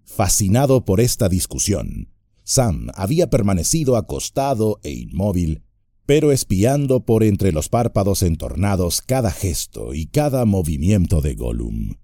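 A man narrating an epic fantasy audiobook in a measured, expressive storytelling manner. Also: low voice, gravelly, no room sound, clean studio sound.

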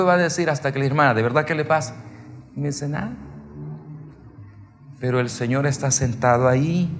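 A man preaching a sermon, telling stories with emphasis and swinging from soft to loud. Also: medium pitch, vocal fry, in a large hall.

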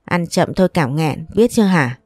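A sharp-tongued mother and grandmother, put on by a woman reading a family story. The voice sits low and warm, and it is recorded dry and close. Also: lively intonation, normal speed, dry recording, soft background music. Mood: doting. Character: scolding middle-aged mother and grandmother.

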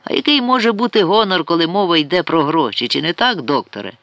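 A man's voice: fairly high pitch, expressive, fast, a bit bright, dry recording, voice pushed up. A man reading an audiobook voices a coarse middle-aged man who teases and flirts crudely. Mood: brash teasing. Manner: brash, teasing and crude.

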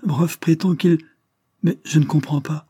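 A man's voice: fairly high pitch, steady tone, unhurried, warm tone, breathy edge, pitched above the performer's own voice. A man reading the part of a timid, flustered young noblewoman in an audiobook, with breathless, confused questions.

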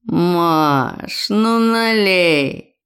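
Audiobook role: woman playing a hungover dad, wheezy, slow and pleading. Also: lowish voice, expressive, fairly bright tone, clear, resonant tone, exaggerated voice. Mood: begging. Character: hungover middle-aged father begging for drink.

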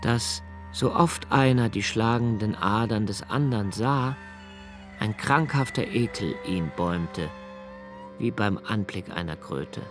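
A lowish male voice delivers a literary monologue as a brooding, solitary diarist in a radio play, with music playing behind him. The actor's delivery is measured and introspective, his temper anguished and searching, the mood one of somber reflection.

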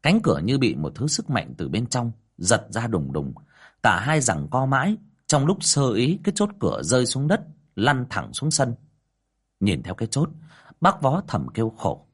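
A man's voice: medium pitch, huge pitch swings, normal speed, breathy edge. A man narrating a ghost story expressively.

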